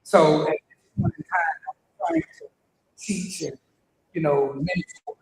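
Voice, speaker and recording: Speaking a little slowly but very animated, an older man greets his congregation and leads a heartfelt prayer, repeating his words often. The sound is echoey, from a church hall, with a faint rumble.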